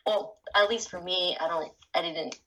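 A woman's voice: fairly low pitch, moderate pace, a bit bright, rough recording. A woman being interviewed about her experiences, chatting casually with many "like"s and "um"s. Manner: chatty, lots of "like" and "um", with restarts. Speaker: interview guest.

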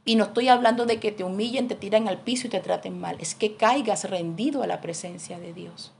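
A woman's voice: medium pitch, fairly quick, vocal fry, slight background noise. A middle-aged woman preaching a sermon, telling stories and acting out the voices of the people in them. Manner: animated storytelling, acting out voices in quotes.

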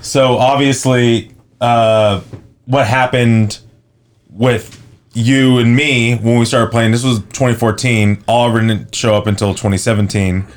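A man's voice: mid-range voice, fairly even intonation, measured pace. A man with a tranquil, soothing voice, telling stories casually as a podcast guest. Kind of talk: casual storytelling.

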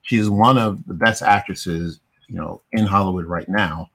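A middle-aged man with a fairly low voice hosts a relaxed film review. He rambles, circling back with fillers and restarts as he works through his points. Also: normal speed. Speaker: podcast host. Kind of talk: casual movie review chat.

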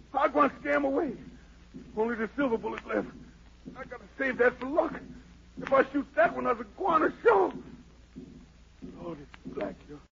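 An actor playing a proud, desperate fugitive emperor with a Southern American accent and anguished, pleading delivery in a radio drama. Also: male voice, extremely high pitch, gravelly, background noise. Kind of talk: 1940s radio drama acting. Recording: dull 1940s radio broadcast.

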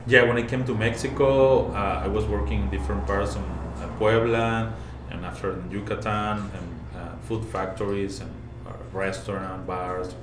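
Venezuelan man, brewer, low-ish voice, halting second-language English; echoey room, noisy background. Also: fairly even intonation. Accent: Venezuelan Spanish. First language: Spanish. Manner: halting, searching for English words. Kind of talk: casual interview answers. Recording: roomy sound with background noise.

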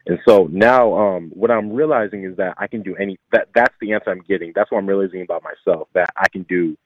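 A man calling in to a podcast, talking reflectively and haltingly about what he has realized. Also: low-pitched, dry recording. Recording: dull lo-fi call line.

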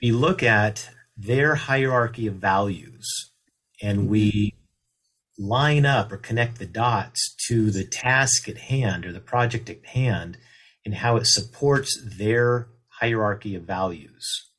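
A man as a guest expert on a radio talk show, explaining leadership in a measured way and slowing down to stress key terms. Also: fairly low pitch, a bit bright.

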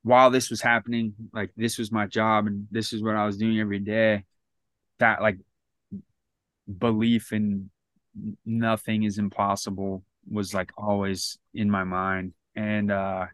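Guy in his 30s rambling through his story on a podcast, low monotone, dry close sound. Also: a little slow, no echo. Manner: rambling, many restarts and "like" fillers. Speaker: podcast guest. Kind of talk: casual storytelling interview.

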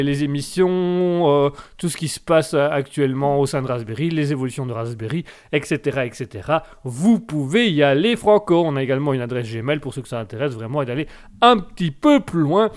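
A man's voice: a little high, clean tone. A man hosting a live web radio call-in show, addressing his listeners in a formal announcer manner while rambling through repeated restarts.

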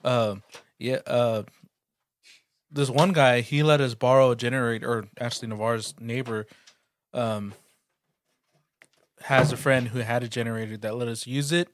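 A man's voice: medium pitch, steady tone, moderate pace, pauses often, slight background noise. A man with an average voice chats casually among friends. He speaks easily with some hesitation. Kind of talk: casual chat.

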